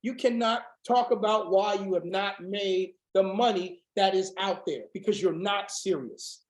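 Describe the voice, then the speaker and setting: A man with a high, hoarse voice drives a motivational business training like a sermon, his lines rising into shouts and then dropping low. The sound carries a roomy echo. His delivery is fiery and insistent. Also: a little slow. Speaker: business coach. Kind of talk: motivational sales training on a video call.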